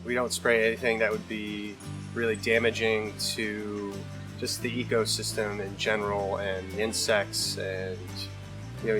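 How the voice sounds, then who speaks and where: A man who works on a farm, talking casually and easily in a documentary interview. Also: lowish voice. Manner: relaxed and casual. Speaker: farm worker.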